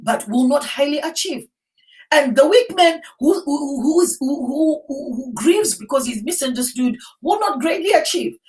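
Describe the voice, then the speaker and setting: Lady preacher doing a rallying motivational sermon, high voice, really emphatic, says lines over again, mic sounds distant. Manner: emphatic, rallying, repeats phrases for effect. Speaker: motivational preacher addressing a live online audience.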